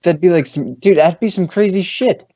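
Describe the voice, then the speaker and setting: A man's voice: high voice, normal speed, warm tone, no echo. A man hosting a casual gaming chat, swearing freely and mimicking his friends. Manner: loose, profane, mimics friends. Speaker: podcast host. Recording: dull lo-fi stream audio.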